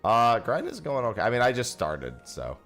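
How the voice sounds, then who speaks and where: A male streamer's medium-pitched voice swoops wildly up and down as he games, chats loosely, and thanks his audience on a headset mic. He talks at a normal speed with a slightly bright tone while faint music plays.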